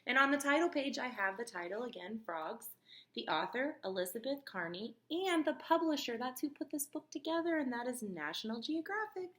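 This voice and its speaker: This female teacher reads to small children with an expressive, teaching tone, asking the listener questions as she goes. Her voice is high and her pace is brisk.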